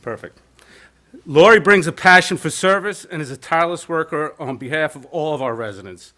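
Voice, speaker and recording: Bright-voiced man nominating a candidate. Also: on the high side, brisk. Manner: joking asides, emphatic and plainspoken. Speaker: nominator at a local caucus. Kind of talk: informal nominating speech. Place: community center meeting room.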